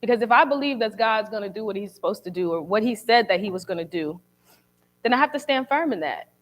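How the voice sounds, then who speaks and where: A woman's voice: mid-range voice, lively intonation, fast. A young woman speaking candidly and conversationally to a church congregation, sharing a personal testimony with casual slang.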